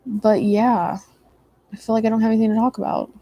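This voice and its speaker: A woman's voice: on the high side, fairly quick, mellow, no room sound. A tired young woman chatting casually with her stream viewers, rambling with many likes and ums. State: tired, yawning. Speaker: livestream host.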